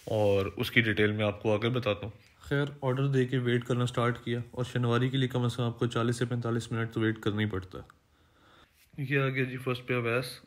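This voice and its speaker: A man's voice: mid-range voice, a bit bright. A young man narrating his day in a casual, matter-of-fact vlog voice-over. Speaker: vlogger.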